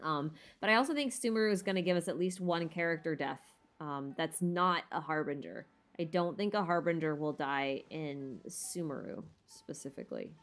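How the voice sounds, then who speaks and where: Answering viewers' game-lore questions on a casual livestream, this woman speaks in a low voice at normal speed with hardly any pauses. Her manner is informal and hesitant, as if thinking aloud.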